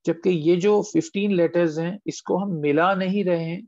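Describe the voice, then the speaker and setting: A man teaching tajweed in an online class, patiently questioning students and drawing words out slowly as models. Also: high voice, fairly even intonation, a little mellow, no echo. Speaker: Quran recitation teacher. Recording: dull lo-fi online call audio.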